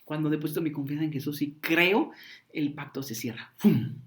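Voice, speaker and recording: Animated preacher, man. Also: on the high side, brisk. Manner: animated, acts out crowd voices with slang. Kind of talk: sermon.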